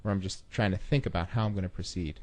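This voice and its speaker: A man telling a personal story in an animated way, acting out the scenes. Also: low-pitched, fast.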